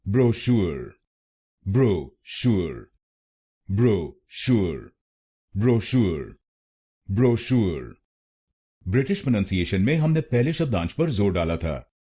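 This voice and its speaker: A man giving a scripted pronunciation lesson, speaking slowly and deliberately and repeating each word. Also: lowish voice, dark tone, slightly rough. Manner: slow, deliberate, repeats words. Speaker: pronunciation teacher.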